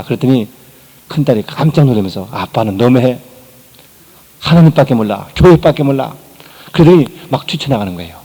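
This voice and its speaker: An older man, a pastor, giving a sermon testimony, telling his story with quoted dialogue and swings between soft and loud delivery. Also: mid-range voice, rough recording. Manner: storytelling with emotional quoted dialogue, rising and dropping loudness.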